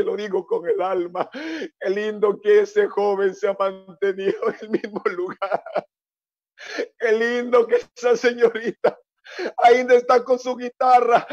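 High-voiced husky guy preaching, pleads hard, dull lo-fi dry sound. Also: a little mellow, no room sound. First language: Portuguese influence, missionary in Brazil. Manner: fervent, pleading. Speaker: pastor. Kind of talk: sermon.

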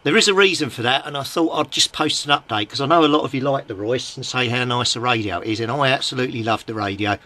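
Speaking fast with few pauses, a British man in a bright, forceful mid-range voice explains his repair progress informally. Working with his hands at an indoor home workbench, the hobbyist thinks aloud, casual vlog-style, while handling equipment.

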